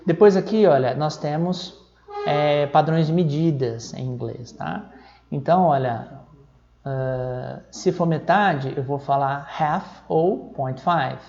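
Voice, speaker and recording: A Brazilian man teaching English numbers in a recorded lesson, explaining step by step and reading the numbers out slowly, often checking in with a quick "tá?". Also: fairly high pitch, creaky, a little mellow, dull audio. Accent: Brazilian Portuguese. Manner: checks in with frequent "tá?".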